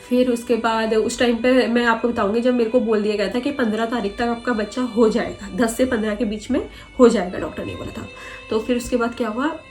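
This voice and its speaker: A young woman recounting her own struggles to the camera, earnest and rambling. Her voice sits a little high for a woman, with faint music underneath. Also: a little mellow. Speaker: vlogger. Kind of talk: emotional personal storytelling.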